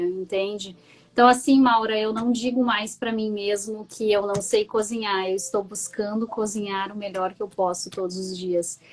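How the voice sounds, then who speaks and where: A woman's voice: fairly high pitch, poor audio. A woman with a southern Brazilian gaúcho accent, a coach and guest telling a personal story on a live stream in a chatty, candid way. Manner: chatty and candid, often checking in with "entende?".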